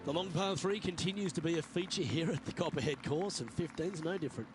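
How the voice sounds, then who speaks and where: Higher-pitched male golf commentator, measured. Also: over music.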